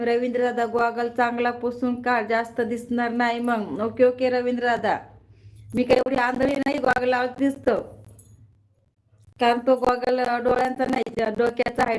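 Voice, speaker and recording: On a relaxed phone live stream, a woman with a fairly high, slightly mellow voice welcomes viewers by name, reads out their comments and makes sure her audio is working. The recording is rough.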